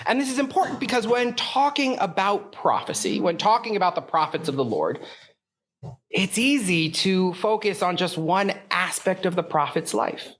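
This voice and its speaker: A man preaching a conversational sermon as a priest, casual and chatty, peppering his talk with filler words and swinging up in pitch for emphasis and questions. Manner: animated, rising pitch on questions.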